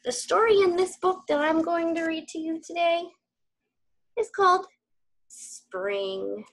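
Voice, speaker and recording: A woman's voice: very high-pitched, lively intonation. A woman teacher reading a picture book aloud to her young students and asking them questions. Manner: warm, slow, question-asking teacher talk. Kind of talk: children's read-aloud.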